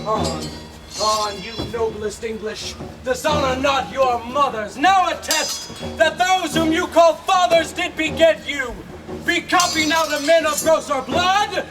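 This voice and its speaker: A man playing a fierce warrior king, exhorting his troops in forceful Shakespearean olde speech on stage. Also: extremely high pitch. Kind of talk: declaimed olde-speech Shakespearean stage oratory at a Renaissance fair. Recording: distant stage recording under loud music.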